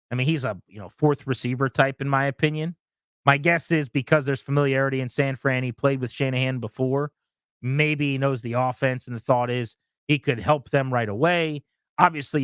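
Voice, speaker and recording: A man on sports talk radio, his voice sitting a little high for a man and recorded dry and close. He lays out his opinions with conviction and speaks right at his listeners. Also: fairly bright tone, no room sound. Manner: opinionated, talks straight to listeners. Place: radio studio.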